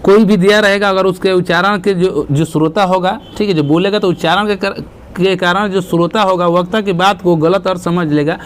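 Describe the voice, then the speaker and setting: A man teaching grammar for exam prep. He explains step by step, reads verse examples slowly and keeps checking in with the students. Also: sits high, fairly even intonation, slight background noise.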